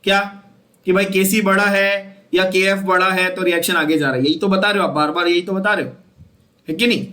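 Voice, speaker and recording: High-voiced man teaching chemistry. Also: steady tone, brisk, sharp tone. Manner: asks the students questions and repeats key terms, switching between Hindi and English. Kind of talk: classroom lecture.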